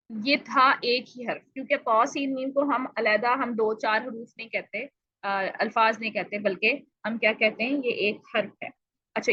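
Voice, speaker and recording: Bright-voiced woman teaching Quran recitation. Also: on the high side, no echo, muffled recording. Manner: explanatory, asks and answers own questions, drawn-out example words. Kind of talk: online tajweed lesson.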